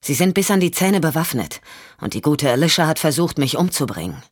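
Reader doing a calm male investigator, plain and level, dry studio sound. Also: medium pitch, brisk, no echo. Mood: urgent. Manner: calm and reassuring. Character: steady male investigator, calm under pressure. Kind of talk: audiobook reading.

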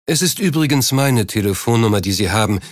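A man's voice: medium pitch, animated, fairly quick, no echo, clean studio sound, natural voice. A man reading an audiobook, voicing a blunt male neighbour in a plain, matter-of-fact way.

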